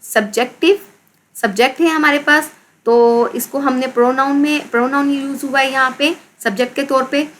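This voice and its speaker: A woman's voice: sits high, steady tone, moderate pace, a little hiss or hum. A woman teacher with a Pakistani accent explaining an English lesson in Urdu, repeating words and spelling them out letter by letter.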